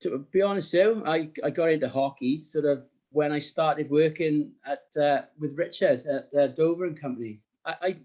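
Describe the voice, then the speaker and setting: A man's voice: fairly high pitch, normal speed, hardly any pauses, mellow, highs cut off. A middle-aged man with a South Wales Valleys accent, chatting casually in an interview in a modest, hesitant way. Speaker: podcast guest, sports graphic designer.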